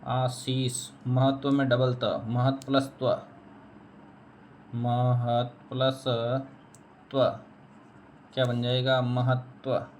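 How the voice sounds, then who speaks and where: A man's voice: mid-range voice, level tone, slow, hardly any pauses, a little mellow, slight background noise. A man teaching a spelling lesson, repeating each word and answering his own questions. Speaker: Hindi teacher.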